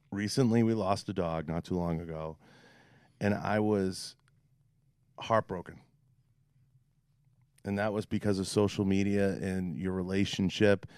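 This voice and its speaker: A man with a Boston accent chats candidly in an interview. His voice is fairly low and clean, recorded dry. He is wordy and casual, repeating himself for emphasis. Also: mellow, no echo. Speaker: podcast interviewer. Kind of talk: casual interview chat with swearing.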